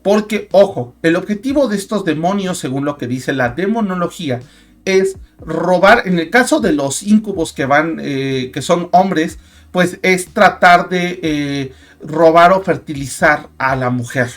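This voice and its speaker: A man's voice: on the high side, animated, a little slow, a bit bright. A young man with a Mexican Spanish accent hosting a casual talk show, chatty and full of fillers and restarts. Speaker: host.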